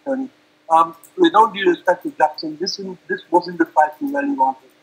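A male reporter with a high, animated voice puts questions in a press interview. His tone is husky and gravelly. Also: moderate pace, poor audio.

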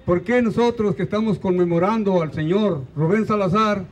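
Outdoors in a park, an older man from Mexico delivers a rally speech through a handheld mic in his Mexican accent. His voice is high and his pace moderate, and he stays earnest and stirring while asking pointed questions.

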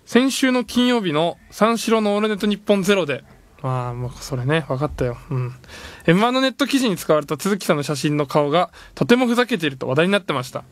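Lively high-voiced man hosting radio. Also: fast talker, dry recording. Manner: joking, laughs often, complains playfully. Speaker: radio show host. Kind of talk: casual radio chat. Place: radio studio.

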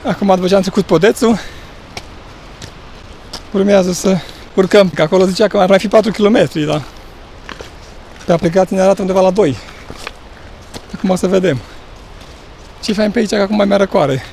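Vlogger, man, high voice, relaxed trail chatter, faint outdoor noise. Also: vocal fry, pauses often, low-quality recording. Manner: relaxed, chatty, talks while hiking. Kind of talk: casual hiking chat. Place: outdoors on a forest mountain trail.

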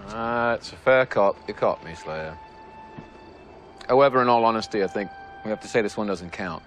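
A man's voice: fairly low pitch, moderate pace, slight background noise, lightly acted. An actor playing a sardonic, teasing British male vampire in a television drama, speaking with a wry drawl. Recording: dialogue over background music.

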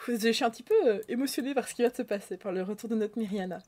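A woman giving gushing, excitable commentary to her viewers as she plays a life-sim game. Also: fairly high pitch, rapid-fire. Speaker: gaming YouTuber. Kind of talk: casual Let's Play commentary.

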